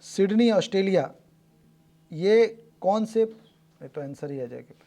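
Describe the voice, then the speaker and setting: A male teacher running a brisk classroom quiz, calling on students and repeating their answers back. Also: sits high, expressive, vocal fry, mellow.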